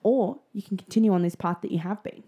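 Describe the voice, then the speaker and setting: A woman co-hosting a casual podcast chat, talking in an animated, chatty, sassy way with casual swearing. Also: medium pitch, quick pace, breathy edge. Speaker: podcast co-host.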